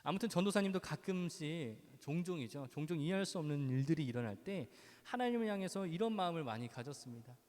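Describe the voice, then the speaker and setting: A man's voice: fairly high pitch, animated, fast, hardly any pauses, darkish tone. A man preaching to a youth group at church. He talks playfully, acts out quoted lines and asks the kids questions. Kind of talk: sermon to teenagers. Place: church hall. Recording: reverberant church hall.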